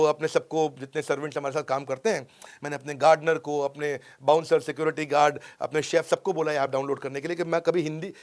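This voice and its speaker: A middle-aged man giving an energetic lesson on English, asking rhetorical questions and checking in with his listeners. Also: on the high side. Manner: emphatic, rhetorical questions, frequent "haan?" checks. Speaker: motivational speaker teaching English skills. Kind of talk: energetic Hindi lecture mixing English.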